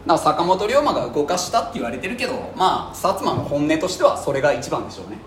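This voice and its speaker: A man's voice: on the high side, big pitch swings, a bit bright, echoey room, a little hiss or hum. A man teaching history in a casual, joking lecture style, chatty with many fillers. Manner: rapid, jokey, chatty, with frequent fillers and laughs. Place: classroom.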